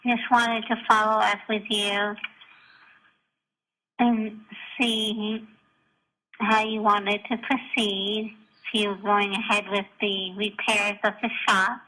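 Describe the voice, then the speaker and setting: A woman leaving a businesslike, halting voicemail as a company representative, as heard on an answering machine recording. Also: mid-range voice, level tone, bright, forceful tone. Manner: halting, businesslike, stops to correct herself. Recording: noisy voicemail recording with clicks.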